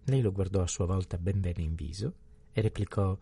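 A man narrating a novel in a steady, even literary reading. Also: low voice, brisk, vocal fry, husky, no echo. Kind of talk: scripted audiobook narration.

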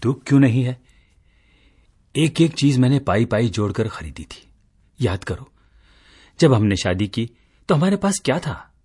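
Husky, lively radio-play husband, teasing and exasperated. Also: male voice, mid-range voice, unhurried, long pauses. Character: teasing middle-aged husband, tired office worker. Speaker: radio drama actor.

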